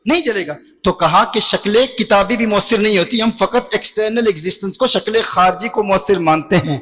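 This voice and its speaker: High-voiced male preacher. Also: fairly bright tone. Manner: dramatic storytelling with emphatic repetition. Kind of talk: sermon.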